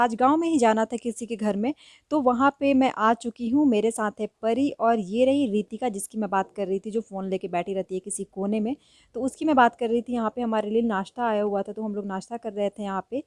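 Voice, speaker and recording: A woman chatting through a casual vlog in a village home, narrating with gentle laughs. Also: a little high, fairly quick, no echo, clean studio sound. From India. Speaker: vlogger.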